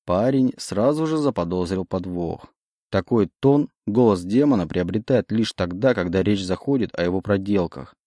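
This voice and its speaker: A man narrating a dark fantasy audiobook in a steady, measured way. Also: low-pitched, dry recording.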